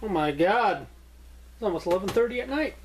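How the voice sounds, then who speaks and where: A woman co-hosting a let's play, reacting excitably and swearing as she plays. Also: mid-range voice, brisk, noisy background. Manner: excitable, swears when startled. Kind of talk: casual gaming banter. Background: video game music.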